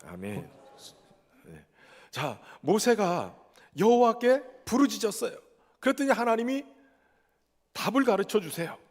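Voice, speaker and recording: A male pastor with a notably high voice delivers a sermon, putting questions to the congregation and answering them himself. His voice rings out with a long reverb that trails through the church sanctuary. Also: very animated, unhurried, long pauses, darkish tone.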